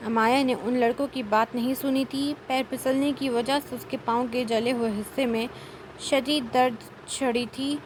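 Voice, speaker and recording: A woman narrating a novel as an audiobook reader, in steady storytelling. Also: sits high, noisy background. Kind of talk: novel reading.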